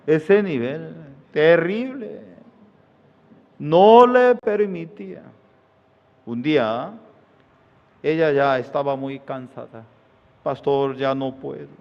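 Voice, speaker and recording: Pastor preaching slow, squeaky voices for the characters, echoey church hall, kinda muffled. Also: male voice. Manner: animated storytelling, jumping into high squeaky voices for quoted people. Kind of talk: sermon with acted-out anecdote. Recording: dull sound in a reverberant church hall.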